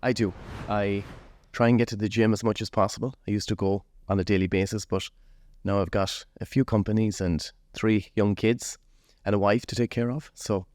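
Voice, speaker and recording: A man's voice: fairly low pitch, fairly even intonation, moderate pace, a little mellow, no room sound. A man of forty with a West of Ireland accent, telling his story casually as an interview guest. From Galway, west of Ireland.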